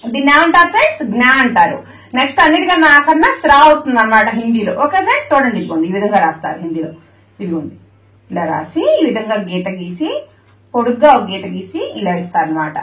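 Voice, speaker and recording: A woman teaches Hindi letters to viewers in a lesson delivered in Telugu, repeatedly calling them friends and directing them to what she writes. Her voice sits high and fairly bright, with reverberation.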